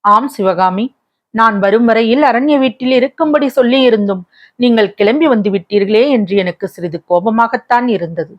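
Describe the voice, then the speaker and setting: A woman voicing a young prince who is tender and coaxing, asking gentle questions, in a slightly muffled recording. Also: on the high side, normal speed, natural voice.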